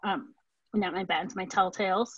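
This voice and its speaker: A woman's voice: mid-range voice, steady tone, normal speed, a bit bright, husky, no room sound, muffled recording. A woman joining a virtual clinic discussion, speaking hesitantly with many filler sounds. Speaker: clinic participant. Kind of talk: casual discussion. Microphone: video call.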